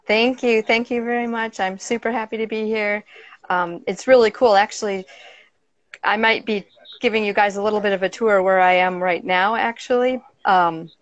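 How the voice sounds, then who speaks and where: A woman's voice: mid-range voice, steady tone, normal speed. Bubbly Minnesota woman on a video call. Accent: Minnesota American. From Minnesota, USA. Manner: bubbly, laughs often. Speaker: guest. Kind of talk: casual interview chat. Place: on a sailboat. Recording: dry, dull video call audio.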